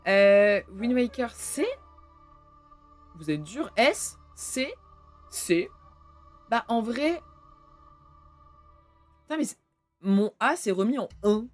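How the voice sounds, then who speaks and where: A woman's voice: on the high side, lively intonation, slow, pauses often, soft background music. A young woman streaming live, chatting casually with her viewers and swearing offhandedly.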